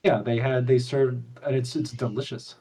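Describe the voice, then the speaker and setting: A man's voice: mid-range voice, steady tone, normal speed, mellow, breathy edge. Casting: easygoing-format male gamer, thirties, mid-range voice, hesitant phrasing, sitting away from the mic. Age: 30s. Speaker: game streamer. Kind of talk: casual gaming chat. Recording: distant mic.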